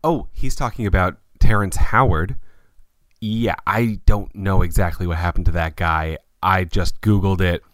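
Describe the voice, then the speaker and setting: A man giving casual podcast commentary in a deadpan, wordy, mock-serious way. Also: low voice, a little slow, no room sound. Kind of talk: casual chat, dry storytelling commentary.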